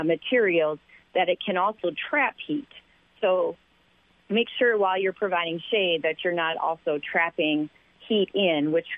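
A woman's voice: on the low side, no echo. A woman giving explanatory advice in an interview, phrasing things hesitantly. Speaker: interviewed animal care expert. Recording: tinny, muffled phone-like radio line.

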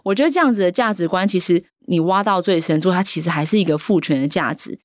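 Fast-talking woman in her thirties. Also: fairly low pitch, dry recording, studio quality. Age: 30s. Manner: animated storyteller, mimics relatives. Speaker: podcast co-host. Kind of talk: casual chat.

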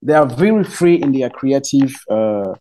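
With a warm, expressive, mid-range voice, a middle-aged Cameroonian man represents a festival in a radio interview. A native Romala speaker using English as a second language with a Cameroonian accent, he speaks haltingly, often restarting and using fillers.

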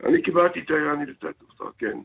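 A man's voice: on the high side, gravelly, slightly rough. Insistent Israeli man on a tinny phone line. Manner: insistent, repeats words and phrases. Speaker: sports official, interview guest. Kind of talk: live radio interview, arguing his case.

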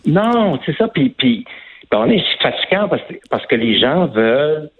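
A man's voice: fairly high pitch, sing-song, unhurried, crowd noise. A man with a Québécois French accent, a guest giving an interview, talking reflectively and emphatically with many restarts. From Quebec. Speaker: guest, actor. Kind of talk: phone-in interview. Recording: tinny phone line.

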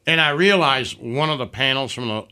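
A man's voice: medium pitch, normal speed, clean tone. A man telling a story in casual conversation, swearing freely and acting out the people he quotes. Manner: profane, animated storytelling with acted quotes. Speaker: podcast guest.

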